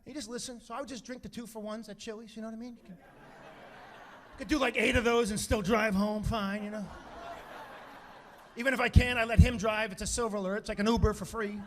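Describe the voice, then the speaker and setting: A middle-aged man doing stand-up comedy, telling an animated story, bursting into shouts and often asking "right?". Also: high-pitched, brisk, long pauses.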